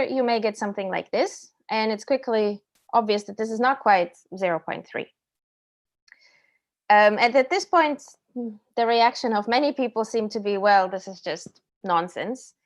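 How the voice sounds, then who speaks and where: A woman from Slovakia in her thirties giving a technical conference talk over a video call, explaining clearly with some ums and self-corrections. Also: a little high, moderate pace. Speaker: invited speaker. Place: indoor room at home or office.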